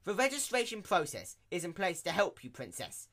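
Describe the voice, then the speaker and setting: Storybook mayor mare, played by a man: officious, exasperated, theatrical lecturer, higher register, bright edge. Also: wildly swooping pitch, moderate pace, full character voice. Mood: stern, disappointed. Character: stern, weary female pony mayor, officious. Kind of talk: dramatic reading of fan fiction.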